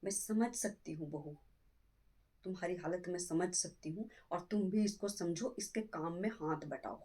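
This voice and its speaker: A woman's voice: lowish voice, moderate pace, warm tone, close to an everyday voice. A woman playing a middle-aged mother-in-law in a family skit, scolding her son and defending her daughter-in-law. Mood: lecturing. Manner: scolding, lecturing, emphatic.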